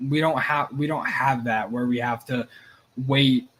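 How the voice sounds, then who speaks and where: A man hosting a casual sports show, rambling and excitable, with some swearing and nervous energy. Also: medium pitch, a little slow, breathy edge. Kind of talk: casual live sports chat.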